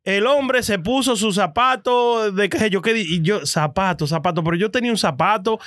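Casual male talker, Dominican accent, high bright voice, slangy and argumentative, some English mixed in. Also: moderate pace, dry recording, clean studio sound. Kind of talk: casual banter among friends.

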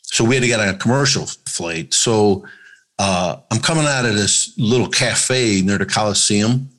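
A man from Chicago, a comedian guest, telling stories in a relaxed, animated way and acting out the people in them. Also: fairly low pitch, normal speed. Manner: animated storyteller acting out voices. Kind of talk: casual interview storytelling.

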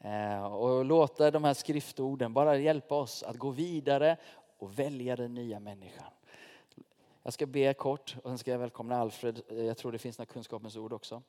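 A man's voice: medium pitch, mellow. A man preaching as a pastor in a church, talking informally and directly to the congregation and telling personal stories. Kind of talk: sermon. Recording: long reverb of a church hall.

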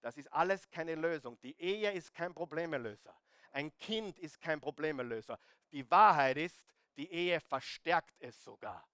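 A man preaching a sermon, animated, asking his listeners direct rhetorical questions and adding humorous asides. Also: a little high, no echo, clean studio sound. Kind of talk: sermon on marriage.

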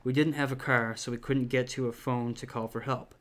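A man's voice: medium pitch, flat delivery, fairly quick, fairly bright tone, close to an everyday voice. A man voicing a cocky young boy in a spooky storybook, in nearly his own voice. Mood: reading. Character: cocky boy, then reading a letter.

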